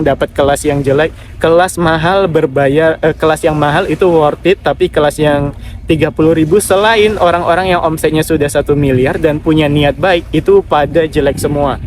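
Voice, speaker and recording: A man's voice: fairly high pitch, a little hiss or hum. A man hosting a casual live Q&A, giving direct advice and reading out viewer comments. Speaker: affiliate marketing livestreamer.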